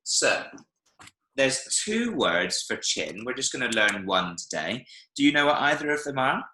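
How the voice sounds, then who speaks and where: A man teaching a one-to-one lesson over a video call, his voice bright and lively as it moves up and down. He patiently checks that his student keeps up, and the room around him rings with echo. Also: mid-range voice, a little slow, a little hiss or hum. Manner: patient, checks understanding often with "yeah?" and "right?". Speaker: Spanish teacher. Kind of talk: online one-to-one language lesson.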